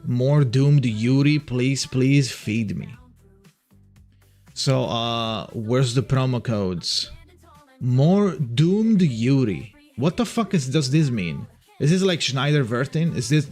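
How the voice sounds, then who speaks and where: A man's voice: mid-range voice, darkish tone. A man with an Italian accent, hosting a livestream and chatting casually with his viewers as he reads their messages aloud. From Italy. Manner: rambling, reads chat aloud, frequent restarts. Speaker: livestream host.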